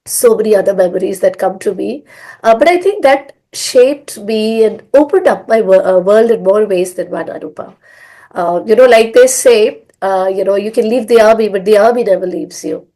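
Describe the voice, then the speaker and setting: A middle-aged woman from India, a language school founder appearing as a guest, tells her life story conversationally, rambling and using many fillers. Her voice is hoarse, mid-range and mellow, at a moderate pace.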